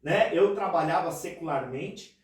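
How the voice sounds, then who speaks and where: A pastor from Paraná, Brazil, with a São Paulo city Portuguese accent, tells his story in a casual podcast interview, earnest and chatty, often tagging phrases with "né". His voice sits on the high side, animated and a little slow. He's far from the mic, with heavy reverb.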